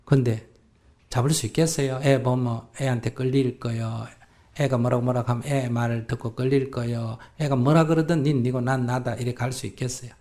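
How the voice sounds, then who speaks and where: A Buddhist monk with a Gyeongsang accent, animatedly answering a questioner in a live dharma talk and acting out both sides of conversations. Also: male voice, medium pitch, fairly even intonation, fairly quick, mellow. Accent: Gyeongsang Korean.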